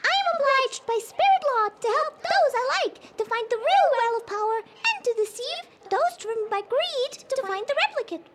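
A performer voicing a small, earnest female guardian elf in a children's story, squeaky and formal in manner. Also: expressive, moderate pace, few pauses. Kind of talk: children's audio story character voice. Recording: loud background noise.

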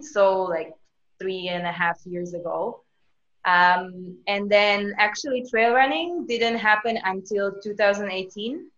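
A woman in her thirties from Slovakia, speaking English as a podcast guest, lively and chatty with many casual fillers. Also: mid-range voice. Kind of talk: casual interview chat. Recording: echoey, dull lo-fi remote recording.

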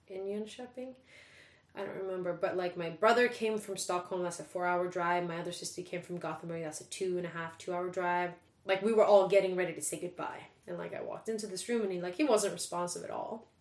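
A young woman talking with open, easy candor, with some swearing and some laughter mixed in. Her voice sits fairly low. The recording is roomy, and the walls throw back a noticeable echo. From Sweden. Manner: candid, chatty, swears freely, laughs while talking. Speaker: guest. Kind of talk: casual conversation. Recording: echoey room.

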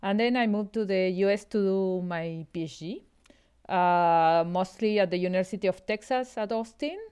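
A woman from Argentina, a math professor, explaining a problem as a podcast guest, halting with fillers. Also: medium pitch, darkish tone, clean tone. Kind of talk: podcast interview.

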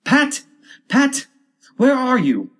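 A man's voice: mid-range voice, moderate pace, natural voice. A man voicing an angry, bossy rabbit character from a storybook, calling out orders imperiously. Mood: angry, impatient. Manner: imperious, shouting.

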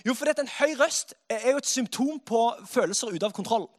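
Man, very high voice, preacher, lively sermon, soft then loud exclaiming.

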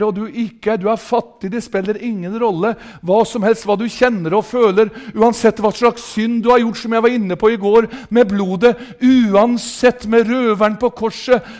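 Fervent high-voiced Østfold revival preacher. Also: male voice. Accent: Østfold Norwegian. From southern Norway. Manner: fervent, shouting hallelujahs, swings from loud to soft. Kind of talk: revival sermon. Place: meeting hall with a congregation.

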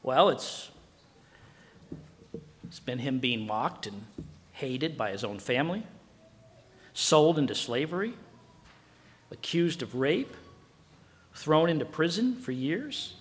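A man preaching a sermon as pastor in an animated way, acting out dialogue. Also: mid-range voice, slow, pauses often, long reverb tail.

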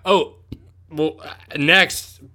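A man's voice: fairly high pitch, fairly even intonation, very slow, sharp tone, soft background music. A man co-hosting a podcast in casual comedic chat, rambling and profane, often correcting himself. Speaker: podcast co-host.

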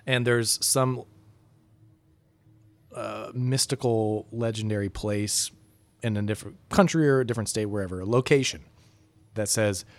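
A man's voice: lowish voice, moderate pace, long pauses. A man in casual podcast chat about a film, joking and riffing on the plot. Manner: joking, riffs on the story with mock voices. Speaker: podcast co-host.

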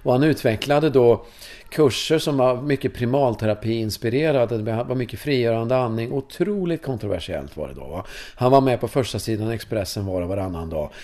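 A man in his fifties from Sweden, a course leader telling personal stories in an interview in a casual, animated way. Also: medium pitch. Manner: animated, casual, swears, tag questions. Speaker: course leader in sexuality and breathwork.

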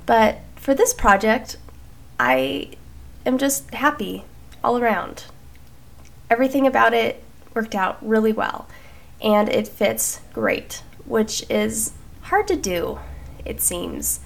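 A woman hosting a podcast, chatting casually and warmly thanking listeners, her voice nasal because she has been sick. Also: fairly high pitch, lively intonation, slow, gravelly. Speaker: podcast host. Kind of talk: casual chat.

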